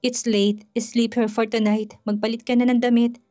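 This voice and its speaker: A woman voicing a rich young father who is gentle but firm, speaking softly and coaxingly. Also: fairly high pitch, flat delivery, moderate pace, soft background music, lightly acted.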